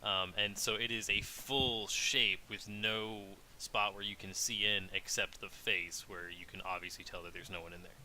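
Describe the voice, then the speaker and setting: A man narrating as dungeon master in a tabletop game, talking in a relaxed, rambling way with many fillers. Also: fairly low pitch, moderate pace, hardly any pauses, low-quality recording. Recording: faint hiss.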